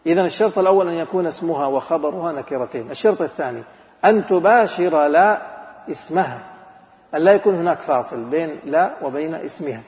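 A man's voice: a little high, rapid-fire, a little mellow, in a large hall. A man teaching an Arabic grammar lesson, asking his students questions and then answering them himself. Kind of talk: classroom lesson.

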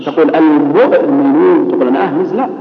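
A man with a fairly high voice teaches recitation rules to a class, pausing to stretch words out slowly as examples. The sound is dull and muffled. It echoes around a large hall. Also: expressive. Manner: explains patiently, then drawls out words to demonstrate them.

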